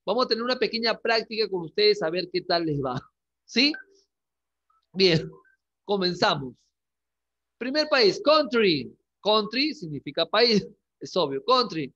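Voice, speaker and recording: Male teacher, careful and repetitive, high-pitched, unhurried delivery. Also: pushed and bright, muffled recording. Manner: slow, clear, repeats each word twice. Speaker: English teacher. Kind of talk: online class lesson.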